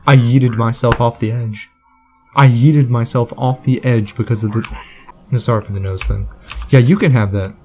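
A man hosting his gaming channel, giving chatty, excitable let's-play commentary and talking back to the game. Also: mid-range voice, moderate pace, slight background noise.

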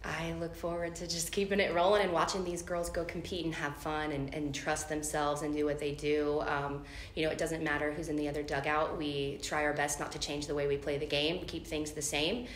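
A woman's voice: low-pitched, flat delivery, brisk. A middle-aged woman, a head coach, speaking earnestly at a postgame press conference with frequent ums. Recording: echoey room, faint noise.

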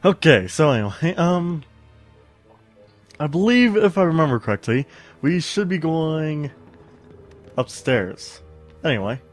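This young man's stuffy voice sits fairly high, and he sounds very animated yet unhurried, pausing often. He hosts a casual let's play, wandering off topic with plenty of fillers and occasional humming. The setup is a studio mic at home, with game music faintly audible.

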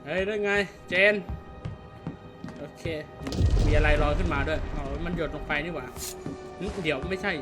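Excitable man doing game commentary. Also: a little high, moderate pace, pauses often. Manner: crude, jokey, excitable. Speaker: gaming channel host. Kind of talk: horror game let's play commentary. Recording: loud game music under voice.

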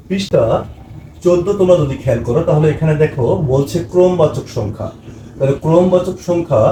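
A man teaches young children math, patient and repetitive, with a mellow, slightly high voice. He counts step by step with small fillers between words. The recording is echoey, with a faint hiss behind it. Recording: echoey room with faint noise.

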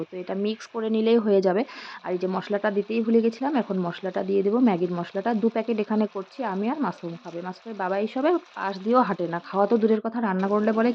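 Fast-talking housewife vlogger. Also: female voice, mid-range voice, darkish tone, lo-fi sound, a little hiss or hum. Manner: chatty, rambling, talks to viewers as friends. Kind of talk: casual cooking vlog narration. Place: home kitchen and yard.

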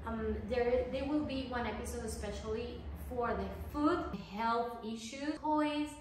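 Woman in her 30s, chatty pet vlogger, fairly high voice, camera across an echoey room. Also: unhurried, slight background noise. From Venezuela. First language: Spanish. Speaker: dog owner vlogger. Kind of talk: casual talk to camera. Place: living room, indoors.

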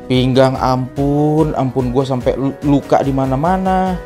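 A man's voice: medium pitch, fairly even intonation, a little slow, mellow. A tired man vlogging casually in a bare room with a strong echo, chatting to his viewers as friends. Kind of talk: casual vlog chat, room tour. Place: bare, echoey new rented house, indoors. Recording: echoey bare room, faint music.

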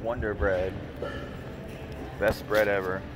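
Amid crowd noise, an American retro game store owner vlogs casually while shopping, his voice on the low side and slow. He's relaxed and crude, joking and boasting as he moves through a store, a parking lot and a supermarket.

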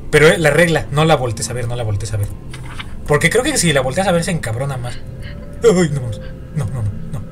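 A young man with a Mexican Spanish accent plays a horror game and talks it through for his viewers. His voice sits a little high, and he jumps, curses and mutters to himself as he goes. Faint game music runs behind him. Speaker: gaming YouTuber. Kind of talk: horror game let's play commentary.

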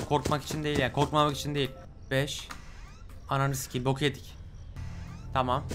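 A young man commenting on a horror game as he plays, swearing often, muttering quietly in tense moments and shouting when startled. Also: mid-range voice. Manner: swears a lot, hushed when tense, bursts loud. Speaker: gaming YouTuber. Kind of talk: let's play commentary. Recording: music behind voice.

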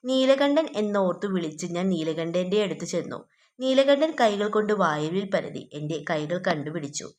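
Low-voiced woman teaching a class. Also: animated, moderate pace, a little mellow. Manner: addresses students directly with questions. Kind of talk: reading a textbook story aloud and explaining it to students.

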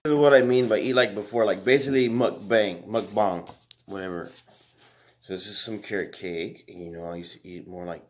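A man's voice: lowish voice, a little fast, a little hiss or hum. A man vlogging at home while eating, rambling casually to pets and viewers between bites. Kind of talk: casual mukbang vlog. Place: home, indoors.

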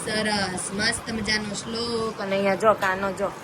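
A woman's voice: mid-range voice, steady tone, moderate pace. A woman chatting through a home vlog, often cooing in baby talk to an infant. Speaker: vlogger. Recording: noisy with passing traffic.

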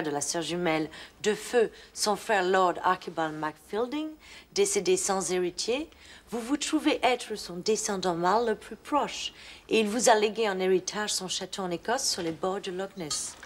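A woman's voice: medium pitch, natural voice. Woman playing a haughty Scottish lady. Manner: broken French, stiff and haughty. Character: prim young Scottish noblewoman. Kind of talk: 1980s French sitcom acting.

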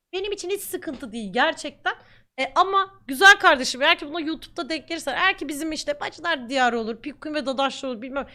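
A woman's voice: extremely high pitch, bright, forceful tone. A woman streamer reacting to comments in a blunt, defiant and talkative way.

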